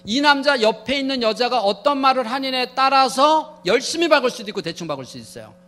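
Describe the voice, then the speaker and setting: A man lecturing humorously to a church audience, playful and animated, acting out everyday quotes as he goes. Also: very high voice, fairly quick.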